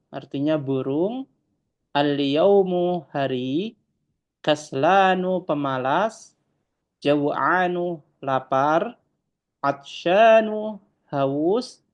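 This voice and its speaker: Slow, patient online language teacher. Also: mid-range voice, lo-fi sound. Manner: draws out Arabic words slowly, then explains them; addresses the students as friends, explanatory. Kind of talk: online grammar lesson.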